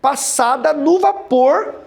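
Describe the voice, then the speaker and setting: A man, a pastor teaching a Bible study in a joking, animated way that often jumps into high mocking tones. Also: slow, gravelly.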